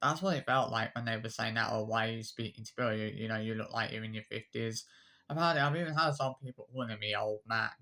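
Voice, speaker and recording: This YouTube commenter, a man in his 20s, talks fast in a lowish, sharp voice as he rants to camera without a script. Defensive and aggrieved, he repeats himself, restarts phrases and reels off insults.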